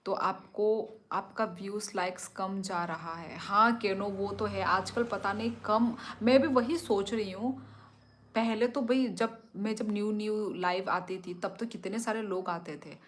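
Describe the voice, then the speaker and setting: A woman's voice: medium pitch, fairly even intonation, unhurried, slight background noise. A young woman hosting a live stream, chatting casually and teasingly with viewers as she reads their comments, laughing often. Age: young adult.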